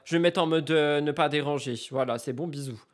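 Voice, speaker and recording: Chatty young man streaming, loud and soft by turns. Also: a little high, brisk. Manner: chatty, jumps between loud outbursts and mumbled asides. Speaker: streamer reacting to celebrity news. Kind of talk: casual live-stream chat.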